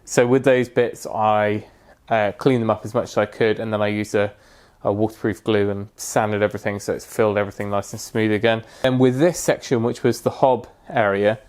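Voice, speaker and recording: A man with a fairly low voice talks through his work in an easygoing, practical way, filling his pauses with ums and uhs. He sounds like a hands-on tradesman recording his own how-to video indoors. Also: level tone, a little mellow. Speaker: woodworking restoration vlogger. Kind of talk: casual how-to narration.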